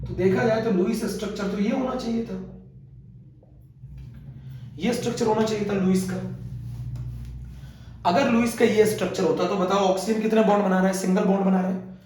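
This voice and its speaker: A man's voice: high-pitched, fairly even intonation, a little fast, pauses often, a little mellow, slight background noise. A man teaching a chemistry class, asking his students questions and answering them over and over. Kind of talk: classroom lecture. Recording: echoey room, mic far off.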